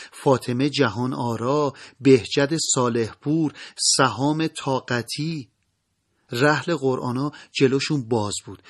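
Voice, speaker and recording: A man narrating a first-person memoir in a measured, solemn way that often drops soft. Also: medium pitch.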